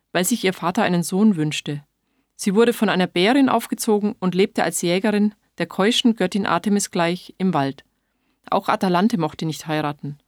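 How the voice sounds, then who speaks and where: A woman giving scripted, explanatory narration in a clear manner. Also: medium pitch, dry recording, studio quality.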